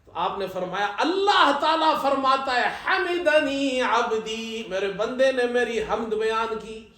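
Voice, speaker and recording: A man preaching a sermon as imam, telling light humorous stories and reciting scripture slowly. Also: extremely high pitch, animated, bright, forceful tone. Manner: humorous storytelling, slow chanted Arabic recitation. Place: event hall at a ceremony. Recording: echoey hall.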